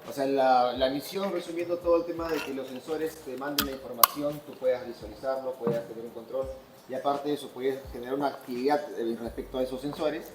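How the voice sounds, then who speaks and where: A man summarizing product features at a training session, talking quickly and speaking straight to the listener. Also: medium pitch, fairly even intonation. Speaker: product specialist. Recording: echoey room mic from a distance with noise.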